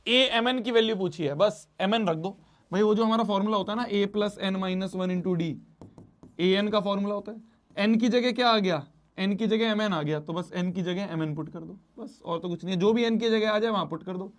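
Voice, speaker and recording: High-voiced math teacher. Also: male voice, normal speed. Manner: repeats phrases, mixes Hindi with English math terms. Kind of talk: online math lesson.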